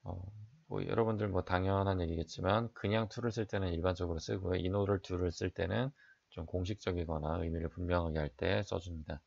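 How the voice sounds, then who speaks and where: Male English teacher, deep fry-edged voice, steady explainer for an exam lecture. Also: brisk, muffled recording. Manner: explains sentence by sentence, reads English then translates; frequent "자" fillers, asks and answers own questions.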